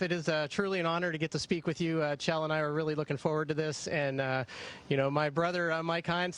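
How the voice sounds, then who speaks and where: A man's voice: fairly high pitch, slight background noise. A middle-aged man, an astronaut, giving casual, folksy and appreciative answers to students.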